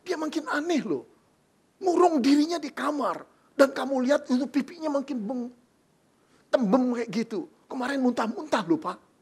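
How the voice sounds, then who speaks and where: A man's voice: extremely high pitch, animated, normal speed, breathy edge, pitched above the performer's own voice, exaggerated voice. A man preaching, putting on the voice of a worried middle-aged mother. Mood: fretful.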